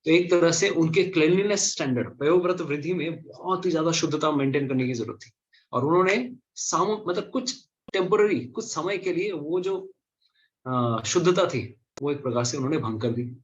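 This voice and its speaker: A man giving an animated storytelling lecture at a scripture class, asking and answering his own questions. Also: on the high side, moderate pace. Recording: slightly dull lo-fi recording.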